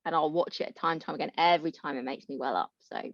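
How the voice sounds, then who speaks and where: A bubbly woman chatting as a podcast guest, animated and quick to poke fun at herself. Her voice sits fairly low for a woman. The sound is dry and a little dull, as if from a modest home mic. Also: no room sound. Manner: bubbly, animated and self-mocking. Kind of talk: casual podcast chat.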